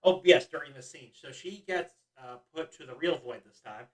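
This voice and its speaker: A man's voice: medium pitch, moderate pace, far from the mic, a crowd in the background, poor audio. A young man co-hosting a podcast, recapping a movie in casual chat with lots of ums and laughs. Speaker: podcast co-host.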